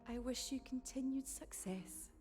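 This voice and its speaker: A woman's voice: sits high, unhurried, slightly rough, soft background music. A woman with a Scottish accent playing a chatty, cheerful tea shop clerk in a video game. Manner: bubbly, fan-struck, lively.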